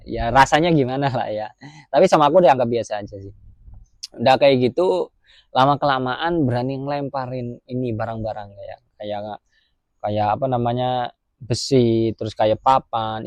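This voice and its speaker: A man from Indonesia, telling a story in a casual vlog. He retells it lively and acts out voices and sounds. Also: mid-range voice, no echo, dull audio. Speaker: migrant worker vlogger.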